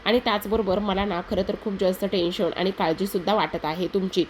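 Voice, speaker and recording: A woman's voice: mid-range voice, steady tone, a little fast, a little mellow, slight background noise, lightly acted. A woman voicing an anxious, fretful middle-aged mother-in-law in a serial recap. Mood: pleading.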